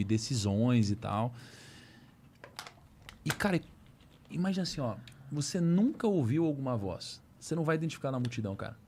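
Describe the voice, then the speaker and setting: A man's voice: mid-range voice, warm tone, a little hiss or hum. Earnest slangy man hosting a podcast. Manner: slangy and earnest, says "mano" and "cara" often. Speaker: podcast host. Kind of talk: casual podcast chat.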